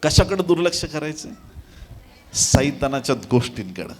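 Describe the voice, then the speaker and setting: A man preaching a sermon as pastor, moving from quiet storytelling to loud, shouted praise and calls of hallelujah. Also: a little high, big pitch swings, moderate pace.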